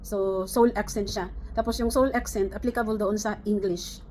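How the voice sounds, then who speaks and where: A woman's voice: medium pitch, steady tone, normal speed, darkish tone, a little hiss or hum. A middle-aged woman from the Philippines, chatting casually to camera, rambling with many fillers and restarts. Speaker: vlogger.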